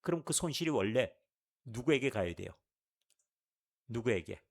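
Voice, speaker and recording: A man's voice: mid-range voice, normal speed, gravelly. A male pastor giving a sermon at a Friday church service, asking the congregation question after question. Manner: animated, rhetorical questions to the congregation.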